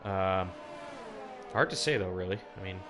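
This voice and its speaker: This is live sim racing commentary from a man with a low voice, acting as lead commentator on an online race. He speaks casually at normal speed, with background noise present.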